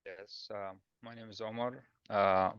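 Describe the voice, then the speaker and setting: A man's voice: on the low side, steady tone, a little slow, fairly bright tone, smooth. A young man from Egypt introducing himself as co-presenter on a video call, hesitant and with fillers. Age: young adult. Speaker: webinar co-presenter. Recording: dull, dry video call audio.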